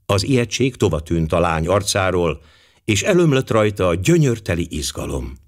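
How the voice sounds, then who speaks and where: A man narrating an audiobook in an expressive storytelling style. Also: deep voice.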